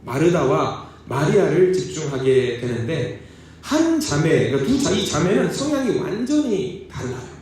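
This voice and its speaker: Middle-aged man, pastor, animated sermon, rather high voice, booming church echo, mic at a distance. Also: a little hiss or hum. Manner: animated, conversational, asks the congregation questions. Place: church sanctuary. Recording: echoey church hall heard from a distance.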